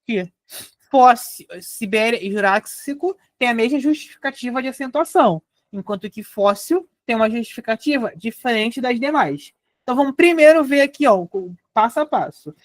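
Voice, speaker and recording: A young Brazilian woman teaching a live online grammar lesson, explaining step by step and spelling out syllables slowly. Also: on the high side, animated, no room sound, clean studio sound. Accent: Brazilian Portuguese.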